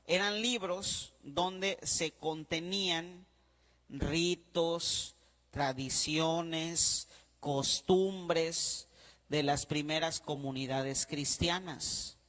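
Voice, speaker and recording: A priest lectures at a slow, deliberate pace, often repeating himself and checking in with the class. His voice sits high and bright. A long reverb hangs behind him, as if he were speaking in a large hall. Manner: spells words out letter by letter. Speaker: priest teaching a diploma class.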